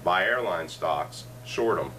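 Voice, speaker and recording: A middle-aged man hosts a casual, joking chat in a cluttered living room, his low voice slow, bright and forceful with lively intonation. He meanders through ideas with frequent asides. A fixed camera across the room picks him up from a distance, with faint room noise.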